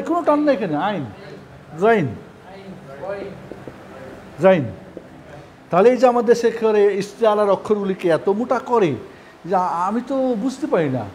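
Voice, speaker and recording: A man's voice: high voice, a little mellow, a little hiss or hum. A Quran recitation teacher from Bangladesh, a man leading a live lesson, patiently repeating Arabic letter sounds for students to copy and encouraging them.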